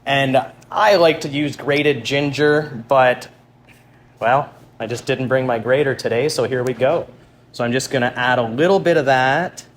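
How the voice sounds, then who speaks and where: A man's voice: medium pitch, measured pace. A man speaks as a cooking show host, casually talking viewers through each step as he works. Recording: clear background noise while cooking.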